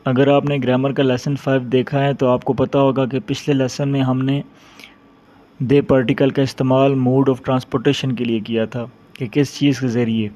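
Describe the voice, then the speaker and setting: A man with a Pakistani Urdu accent, teaching a beginner grammar lesson and repeating each example phrase slowly. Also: mid-range voice, little pitch movement, dark tone. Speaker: Japanese teacher. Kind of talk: slow, deliberate grammar lesson.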